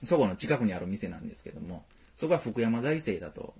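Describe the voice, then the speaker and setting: A man's voice: lowish voice, big pitch swings, fast talker, warm tone, slightly rough. A man with a Tosa accent chatting casually as a podcast co-host, joking and laughing often, with playfully formal asides. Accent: Tosa (Kochi) Japanese. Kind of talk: casual chat.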